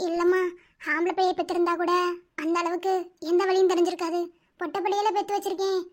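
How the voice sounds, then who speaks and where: A woman's voice: extremely high pitch, little pitch movement. A woman voicing a worried young village mother from Madurai who talks anxiously about her daughter. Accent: Madurai Tamil. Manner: anxious, quick.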